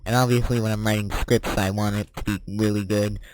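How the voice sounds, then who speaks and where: A teenage boy chatting casually while playing a game, rambling and correcting himself as he answers quick questions. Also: on the low side, little pitch movement, slight background noise. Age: teens. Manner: rambling, self-correcting, chuckling. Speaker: gaming vlogger.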